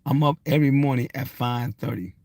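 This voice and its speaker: A social media motivational speaker, a man of about sixty, launches into a blunt, insistent, off-the-cuff rant that drives points home through repetition. His medium-pitched voice is brisk and slightly mellow, captured in studio quality with no room sound.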